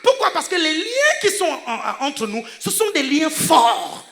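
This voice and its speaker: A man from Gabon with a Gabonese French accent, a pastor preaching a sermon. He speaks emphatically, laughs between phrases, swings between loud and hushed delivery, and keeps asking whether the congregation is following. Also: very high voice, very animated, measured pace.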